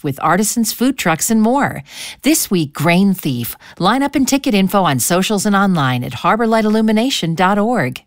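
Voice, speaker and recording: Female announcer, mid pitch, lively intonation, dry studio sound, upbeat underwriting read. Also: no room sound. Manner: upbeat, lilting scripted read. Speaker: sponsor announcer.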